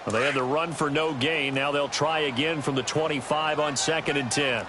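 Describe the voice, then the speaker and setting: An American man plays a TV play-by-play announcer calling an American football game, sounding brisk and engaged. His voice is on the high side, close to an everyday voice, with fairly even intonation at normal speed. Loud stadium game noise fills the background.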